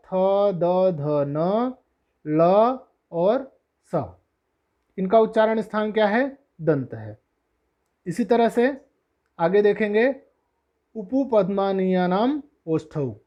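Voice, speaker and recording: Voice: mid-range voice, highs cut off. A Sanskrit teacher giving a lesson, repeating each letter one by one, asking questions and answering them, and adding English glosses for terms. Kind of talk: classroom-style lesson explanation.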